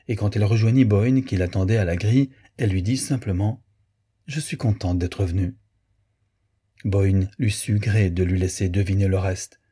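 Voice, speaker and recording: A man reading a novel aloud as narrator, in a measured, even way. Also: fairly low pitch, husky. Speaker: audiobook narrator. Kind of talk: scripted narration.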